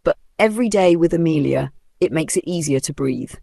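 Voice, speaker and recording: A man's voice: on the high side, expressive, a little fast, vocal fry, warm tone, no room sound. A man with a Nigerian accent voicing a remorseful divorced father who apologizes earnestly.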